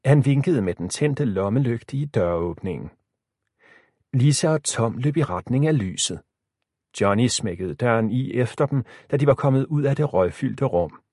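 A man narrating an audiobook story with expressive storytelling. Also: medium pitch, slightly rough, no echo, clean studio sound.

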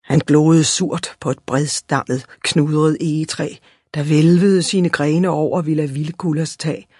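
A storybook narrator with a husky, slightly breathy voice that reads with lively expression. The pitch sits in a middle range. The recording is close and dry. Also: dry recording. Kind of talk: storybook reading.

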